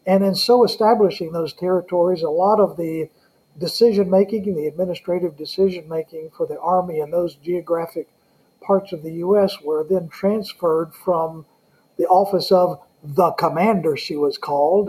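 Male interview guest, Southern US accent, high-set mellow voice, conversational and halting. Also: rough recording. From Southern United States. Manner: halting, with frequent hesitations. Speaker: guest, Salvation Army colonel.

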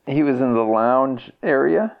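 Slow, crisp, bright-voiced male podcast host. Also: mid-range voice, no room sound, narrow, tinny audio. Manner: measured, deliberate announcer delivery. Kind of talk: scripted intro and interview questions.

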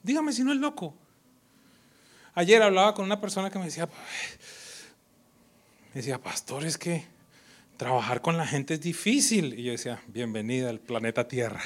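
A man preaching a sermon as pastor, swinging from loud, animated delivery to hushed near-whispers and mocking imitations of others. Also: fairly high pitch, normal speed, long pauses. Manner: acts out quoted voices mockingly.

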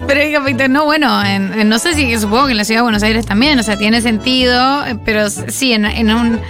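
A woman hosting a casual radio chat, playful and quick to laugh. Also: a little high, over music. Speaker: radio host.

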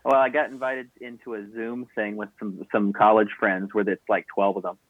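Young male co-host, low-quality remote call audio, dry and phone-thin, rambling casual delivery. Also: level tone, normal speed, no room sound. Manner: rambling, with many restarts and stammered repeats. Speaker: podcast co-host. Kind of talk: casual chat. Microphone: remote video call. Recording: tinny dry video-call line.

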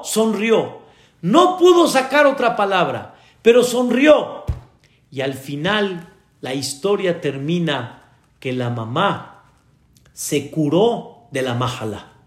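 A man, a rabbi giving an earnest sermon told as a story to his congregation. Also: sits high. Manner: earnest preacher addressing the congregation directly. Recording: echoey room.

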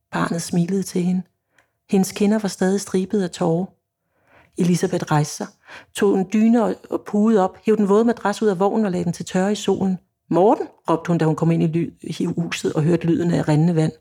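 Husky-voiced woman author reading aloud. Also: fairly low pitch, mellow. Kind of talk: reading aloud from her novel and discussing it.

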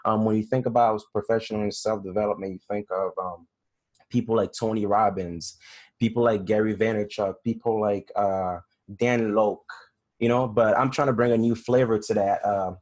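A man's voice: on the low side, steady tone, moderate pace, darkish tone. A man, hosting a casual interview in an informal, buddy-to-buddy way. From Togo. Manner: informal, peppered with "you know" and "bro". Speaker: podcast host.

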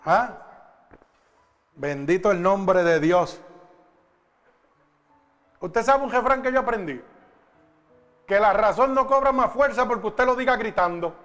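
A male preacher delivering a sermon, fervent and emphatic, swelling loud as he reads scripture. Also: high voice, animated, a little slow, pauses often, soft background music.

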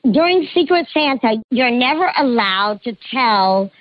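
A woman calling in to a radio show with a voice changer disguising her voice, telling her confession in a hesitant, halting way. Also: on the high side, animated, no room sound. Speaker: caller. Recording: dull lo-fi call audio.

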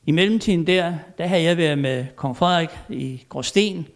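An older man, a former royal valet, giving an anecdotal storytelling lecture at a country inn. He acts out quoted dialogue and often pauses to hesitate. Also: a little high.

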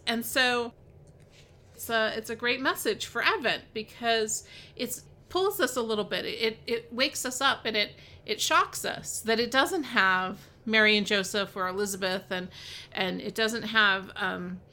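A woman's voice: a little high, unhurried, bright, forceful tone. A woman hosting a devotional podcast, chatting casually about a Bible passage with lots of fillers, restarts and "right?" tags. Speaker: podcast host and Bible teacher.

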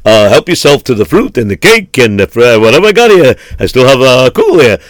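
Excitable miser, played by a man, lively pitch, fussy then explosive. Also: brisk, dry recording, clean studio sound, natural voice. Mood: fussing host.

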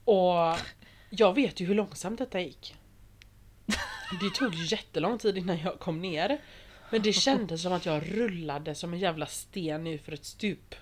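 A young woman chatting casually, expressive and laughing, swearing now and then. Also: on the low side, a little hiss or hum. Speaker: reality show contestant. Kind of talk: casual podcast chat.

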